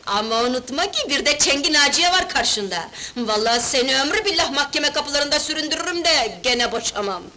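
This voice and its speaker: An actress playing a brash, streetwise young wife who talks loud and slangy in an old film. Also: female voice, sits high, expressive, brisk, few pauses. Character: brash streetwise young woman, bold, pushy. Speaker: newly married wife in a film. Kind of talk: 1970s film dialogue. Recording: noisy old film soundtrack.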